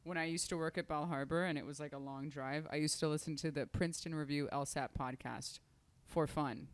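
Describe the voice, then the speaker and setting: A comedian asking interview questions on a podcast, with dry, deadpan quips in between. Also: medium pitch, a little fast.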